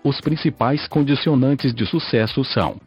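A man's voice: mid-range voice, normal speed. Synthetic male Brazilian voice, dull lo-fi sound. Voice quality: synthesized text-to-speech voice, like an old speech synthesizer. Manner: stiff, mechanical reading. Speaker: podcast host. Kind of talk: scripted narration, reading an article aloud. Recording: muffled lo-fi audio with music.

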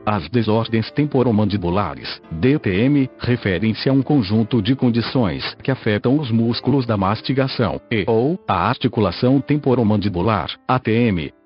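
A man's voice: fairly low pitch, lively intonation, moderate pace, hardly any pauses. A synthesized male text-to-speech voice with a Brazilian accent, like an old speech synthesizer, reading a scripted article as a podcast narrator. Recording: dull lo-fi audio with faint music.

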